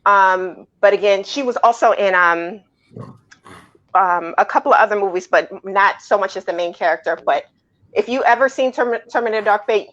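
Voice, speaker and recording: On a casual panel debating movies, a woman with a medium-pitched, slightly bright voice argues for her picks insistently and emphatically, speaking at a moderate pace. The audio is dull and lo-fi.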